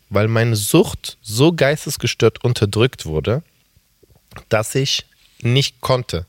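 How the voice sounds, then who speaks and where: A man's voice: mid-range voice, no room sound, studio quality. A man in his thirties, a guest in a casual podcast conversation, talking candidly and rambling with self-mocking asides. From Germany.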